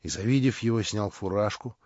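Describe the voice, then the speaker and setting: A man's voice: on the low side, brisk, darkish tone, no room sound. A man reading a novel aloud with dramatic expression, in a dull, dry recording. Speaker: audiobook reader. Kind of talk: scripted narration.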